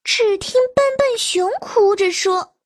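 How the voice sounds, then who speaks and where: A woman narrating a children's story in an expressive, sing-song way over children's music. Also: very high-pitched, slow.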